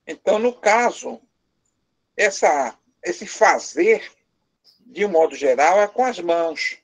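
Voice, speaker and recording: A man's voice: high-pitched, animated, takes it slowly. Brazilian male teacher, patient step-by-step explainer, quizzes the class, a little teasing. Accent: Brazilian Portuguese. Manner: lightly teasing, joking with the class. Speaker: language teacher. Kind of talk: live class lesson.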